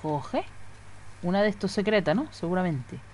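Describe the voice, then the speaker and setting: A woman's voice: on the low side, animated, normal speed, a little mellow, a little hiss or hum. A woman chatting casually and swearing freely as she streams a video game. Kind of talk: casual live gameplay commentary.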